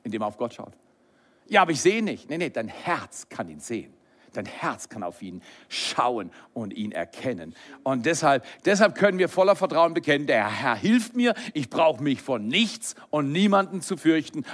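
A middle-aged man preaching a sermon, lively and animated, swinging between loud exclamations and soft whispered lines. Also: mid-range voice, moderate pace. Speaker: pastor.

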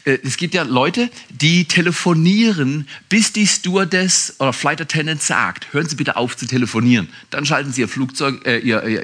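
A male pastor preaching a sermon in a conversational way, asking his listeners direct questions and swinging between emphatic outbursts and quiet asides. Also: a little high.

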